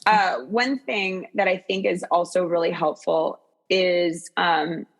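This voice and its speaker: Speaking as a guest on a podcast, a female coach talks in a casual, reflective, confiding way, frequently stopping mid-thought to correct herself. Her voice is gravelly and on the low side, with fairly even intonation.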